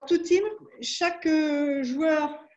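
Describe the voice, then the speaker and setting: A woman's voice: sits high, steady tone, drawn-out words, a little mellow, dull audio, soft background music. A woman presenting educational games in a webinar, patiently walking through the rules step by step over a video call. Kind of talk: explaining a product webinar.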